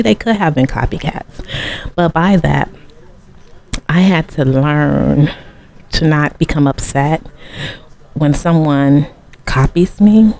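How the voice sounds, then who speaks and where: Gravelly higher-voiced man, rambling tarot talk. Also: darkish tone. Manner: rambling and conversational, with frequent asides to the viewer. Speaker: tarot reader. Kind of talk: casual chat.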